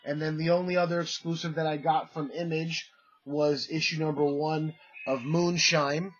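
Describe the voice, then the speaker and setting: A man feeling under the weather chats about the comics he just bought, meandering through fillers and restarts in typical collector-vlog style. His voice runs a little high with little pitch movement, at a moderate pace. Highs are cut off, and there's slight background noise.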